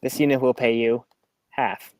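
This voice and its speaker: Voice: medium pitch, normal speed, noisy background, natural voice. A player doing a curt, stealthy robot. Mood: terse. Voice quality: quiet, flat robotic delivery. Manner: speaks of itself in third person as "this unit". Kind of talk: tabletop role-play.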